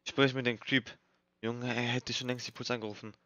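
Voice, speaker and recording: A man's voice: medium pitch, flat delivery, quick pace, pushed and bright, no room sound, soft background music. A young man doing nervous, swearing let's play commentary in street slang, reading game text aloud as he plays. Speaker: gaming streamer. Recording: dull lo-fi mic, dry.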